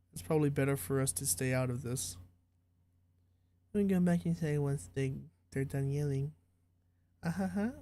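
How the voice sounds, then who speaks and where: A man voicing a gentle, self-doubting teenage club president in a visual novel, soft and apologetic. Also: on the high side, slight background noise.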